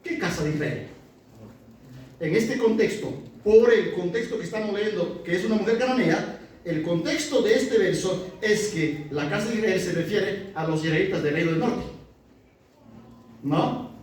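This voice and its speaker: A man's voice: sits high, normal speed. A man teaching a Bible study in a conversational way, often checking in with his listeners by asking whether they follow. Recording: very echoey room, far from the mic.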